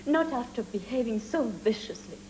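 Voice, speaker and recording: A stern, middle-aged society woman speaks in a mellow, slightly high voice, as an actress plays her. A faint hum runs under the 1980s TV sound. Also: animated, moderate pace, lightly acted, rough recording. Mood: reproachful. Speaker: actress in a TV miniseries. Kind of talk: 1980s TV drama acting.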